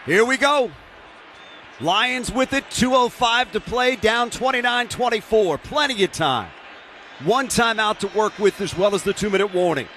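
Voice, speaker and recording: Male American radio sports announcer, high-pitched, clipped live football calls over clear stadium noise. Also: animated, normal speed, sharp tone. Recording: noisy live stadium broadcast.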